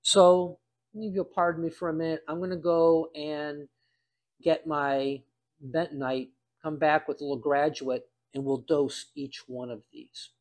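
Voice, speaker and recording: Older man, higher-pitched, thinking out loud. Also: fairly even intonation, measured pace. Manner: folksy, dryly humorous, thinking out loud. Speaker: home cider maker demonstrating. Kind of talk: casual hands-on demonstration, talking aloud.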